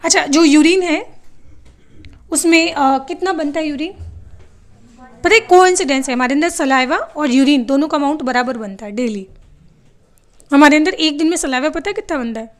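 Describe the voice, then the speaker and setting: High-voiced woman teaching biology. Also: normal speed, long pauses. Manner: asks the class questions and answers them herself; mixes English terms into her explanations. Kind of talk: classroom lecture.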